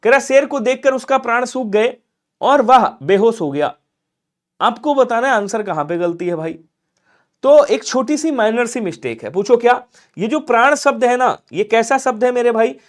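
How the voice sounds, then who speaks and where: A man teaching Hindi grammar in a live online exam-prep class, coaxing and repeating points and pressing viewers to answer quickly. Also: extremely high pitch, animated.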